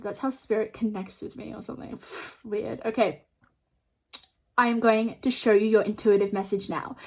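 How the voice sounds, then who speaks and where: A woman with a fairly high voice hosts a chatty tarot card reading, addressing viewers directly. She talks with half of her mouth numb from the dentist. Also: rough recording. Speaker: tarot card reader and host.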